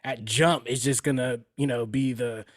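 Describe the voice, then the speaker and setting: A man's voice: mid-range voice, steady tone, normal speed, dry recording, studio quality. A man co-hosting a casual podcast chat, easygoing and hedging with lots of fillers. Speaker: podcast co-host.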